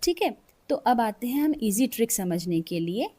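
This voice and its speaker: This teacher's voice is a little high and mellow, with big swings in pitch. Explaining English grammar in Hindi mixed with English, she sketches on the board, works slowly step by step, reads examples word by word, and often checks with "ठीक है".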